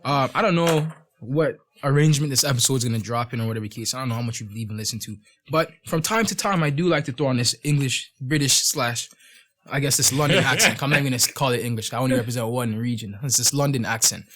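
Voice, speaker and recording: Bright-voiced young man, joking podcast chat. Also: medium pitch, fast talker. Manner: laughs often, slips into mock London slang. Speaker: podcast co-host. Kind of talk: casual chat.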